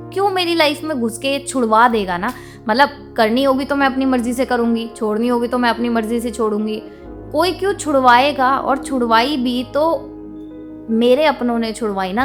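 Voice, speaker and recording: Young woman vlogger, higher voice, outspoken and indignant rant, faint music underneath. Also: normal speed. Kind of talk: venting monologue to camera.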